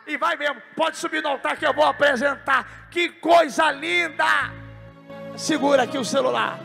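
A man's voice: extremely high pitch, moderate pace, vocal fry, bright, forceful tone. A man with a Brazilian Portuguese accent preaching emotionally at a church service, questioning congregants directly and breaking into tongues. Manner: emotive and exclamatory, bursts into speaking in tongues. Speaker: pastor. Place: large church hall with a congregation. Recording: reverberant church hall with music underneath. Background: worship music.

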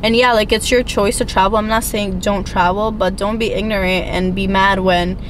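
Talking from a parked car after opening in a kitchen, this twenty-something lifestyle vlogger, Ecuadorian-born and New York City-raised, fills her casual chat with fillers. She has a mid-range, steady voice at normal speed, with background noise behind it.

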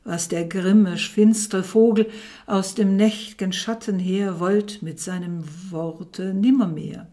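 A woman giving a theatrical poetry recitation, building to loud, impassioned outbursts. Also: mid-range voice, fairly even intonation, slow pace.

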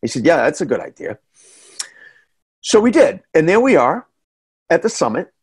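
A man's voice: on the high side, big pitch swings, moderate pace, husky. A middle-aged man with a New England accent telling travel stories in a casual slide talk over a video call, chatty and self-deprecating with many fillers. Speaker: tour guide and storyteller giving a slide talk. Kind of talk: casual storytelling presentation. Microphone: webcam on a video call.

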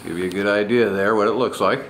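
A man giving an informal walkaround commentary, unhurried, in broken phrases with pauses, like a hobby mechanic on a handheld camera in a garage. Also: on the low side, a bit bright. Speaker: motorcycle vlogger, home mechanic. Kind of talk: casual walkaround commentary on custom bike work. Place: home garage with open door. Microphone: handheld camera mic. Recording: noisy handheld recording in a garage.

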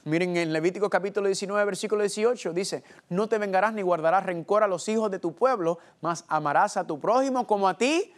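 A man preaching a sermon in a high, bright voice. He addresses the listeners as family and puts rhetorical questions to them. He slows down and pauses to stress key points. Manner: calls listeners "familia", asks and answers his own questions; preaches expressively, slowing and pausing for emphasis.

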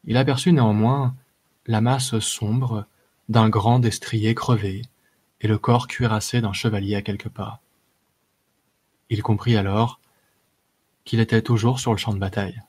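A man narrating a fantasy short story as an audiobook reader, measured, with the odd hesitation. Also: fairly low pitch, steady tone, darkish tone, husky. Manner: measured reading with occasional filler hesitations.

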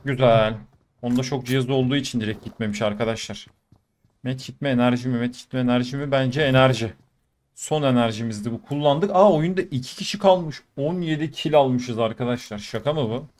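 A man giving casual running commentary over mobile shooter gameplay, talking to his viewers with sudden bursts of excitement. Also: mid-range voice, fairly quick, a little hiss or hum. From Turkey. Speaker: gaming YouTuber.

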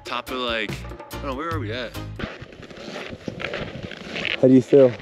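A man's voice: medium pitch, fairly even intonation, measured pace, loud music behind the voice. A young man filming himself on a camera at arm's length while skiing on snowy slopes, chatting in a laid-back way with lots of "like" and "dude". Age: young adult. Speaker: vlogger skier. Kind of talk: casual vlog talk. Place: outdoors on snowy ski slopes among trees. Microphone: action camera held at arm's length.

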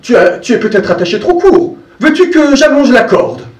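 A man's voice: very high voice, big pitch swings, moderate pace, voice pushed up. A man playing a fretful, protective old farmer who exclaims and stammers in alarm. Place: live performance room. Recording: roomy distant live recording, faint music.

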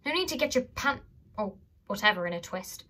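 A woman voicing a brash young female bodyguard who talks loud and mocking. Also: mid-range voice, lively intonation, brisk.

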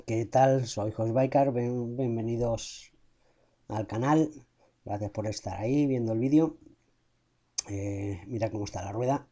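Recorded apart from the ride, this voice-over comes from a middle-aged man from Spain who runs a motorcycle channel. He speaks casually and hesitantly with many fillers, in a warm, medium-pitched voice at a measured pace with long pauses.

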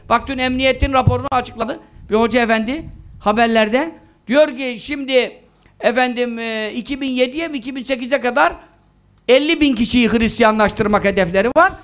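A man gives an earnest mosque talk through a pulpit microphone. His voice sits very high and carries clean and smooth. He exhorts the congregation and climbs higher when stressing a point. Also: fairly quick, fairly bright tone. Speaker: preacher. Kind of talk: mosque talk with announcements and prayers.

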